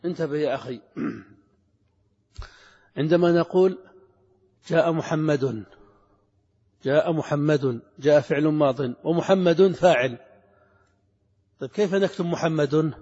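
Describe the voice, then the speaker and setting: A man's voice: a little high, measured pace, long pauses, dark tone, breathy edge. A middle-aged man teaching a grammar lesson, asking his students questions and repeating the key words to drive them home. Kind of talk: classroom lesson explaining grammar. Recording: lo-fi lecture hall recording with long reverb.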